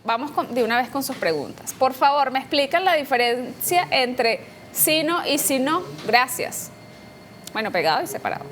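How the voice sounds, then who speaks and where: A woman hosting an interview, briskly reading out viewer questions and adding short replies. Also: high-pitched, animated, a bit bright. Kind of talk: casual interview. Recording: faint background noise.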